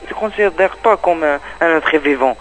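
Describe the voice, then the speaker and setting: A man speaks French as a second language, with non-native phrasing, in an agitated personal testimony. He circles back and repeats himself as he talks, and his voice sits somewhat high for a man. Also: moderate pace, a bit bright, soft background music, low-quality recording. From Palestine. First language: not French. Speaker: undocumented migrant giving testimony.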